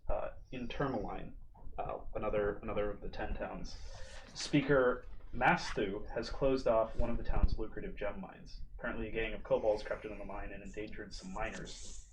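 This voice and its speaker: A man running a tabletop game as game master, narrating casually with many pauses and fillers. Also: lowish voice, fairly even intonation, background noise.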